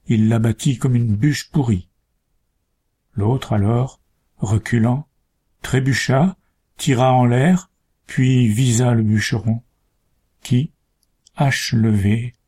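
A man reads a tale aloud in slow, measured phrases. His voice is dark and mellow, and he takes his time over every clause. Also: mid-range voice, breathy edge. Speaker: narrator. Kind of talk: storybook reading.

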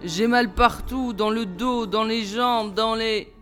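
A woman reading the lines of a grumbling, reluctant teenage boy in a storybook, slow and complaining. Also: fairly high pitch, steady tone, fairly bright tone, soft background music.

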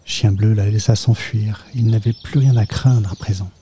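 Man reading a storybook in a mellow voice. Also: lowish voice, steady tone, moderate pace, a little hiss or hum.

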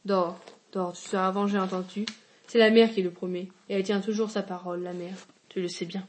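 A woman voicing an old, grieving, vengeful mother who murmurs low and hushed over her dead son. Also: little pitch movement, fairly quick, natural voice. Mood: hushed grief.

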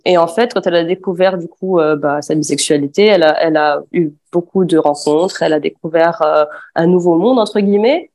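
A woman's voice: fairly low pitch, a little fast, hardly any pauses, darkish tone. A woman in her twenties from Afghanistan, giving a spoken personal testimony with frequent fillers and restarts. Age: 20s. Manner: hesitant, many fillers and restarts.

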